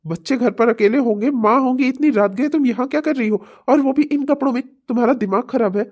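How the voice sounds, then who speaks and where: A woman's voice: on the high side, a little fast, darkish tone, natural voice. A woman voicing a frustrated husband in a cartoon comedy, scolding his wife and then begging her to come home. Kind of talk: Hindi cartoon comedy voice acting.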